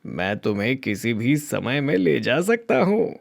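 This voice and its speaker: A man voicing a wise, kindly old magic tree in a cartoon, speaking in a slow, chanting sing-song. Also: medium pitch, very animated, creaky, full character voice. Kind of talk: cartoon voice acting.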